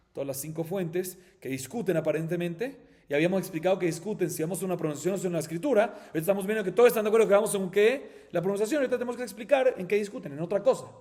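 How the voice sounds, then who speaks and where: A man's voice: fairly high pitch, darkish tone, long reverb tail. A man with a Colombian Spanish accent, a rabbi teaching a Talmud class, explaining step by step and asking and answering his own questions.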